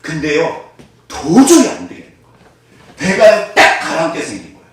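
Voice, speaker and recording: A man preaches in a lively voice that climbs high and drops low, keeping the congregation engaged with frequent questions. His voice sits a little higher than most men's. The sound is distant and echoey, picked up from across a reverberant church. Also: moderate pace, a little hiss or hum. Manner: animated, asks the congregation questions. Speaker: pastor. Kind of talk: sermon. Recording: echoey room from far off.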